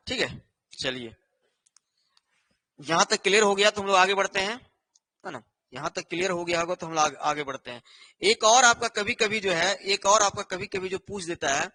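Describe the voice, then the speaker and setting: Bright high-voiced man teaching a class. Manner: repetitive, with a constant rhetorical "है ना" and "ठीक है"; explains slowly while writing on a board. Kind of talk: online exam-prep lesson.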